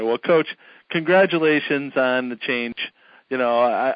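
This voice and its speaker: A man hosts a casual podcast interview, chatty and quick to joke. The sound is dry and close, with a slightly dull top end. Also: mid-range voice, no echo. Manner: chatty, joking, laughs often. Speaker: podcast host.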